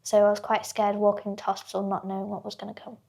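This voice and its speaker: A woman's voice: mid-range voice, completely flat delivery, fast, creaky, a little mellow. A teenage girl, a guest telling her stories in casual chat and acting out what people said. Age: teens. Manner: chatty storyteller, acts out quotes, laughs often.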